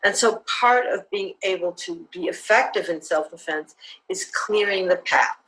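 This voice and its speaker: A woman who teaches self-defense appears as a guest in an online interview, speaking in an earnest, measured, motivational way. Her voice is mid-range and fairly bright, and the audio is poor.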